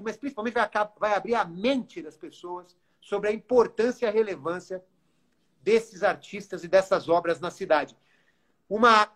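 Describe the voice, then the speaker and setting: A man's voice: high-pitched, fairly bright tone. A Brazilian man, a city culture official, speaking earnestly in a live online interview, with frequent fillers and restarts. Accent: Brazilian Portuguese.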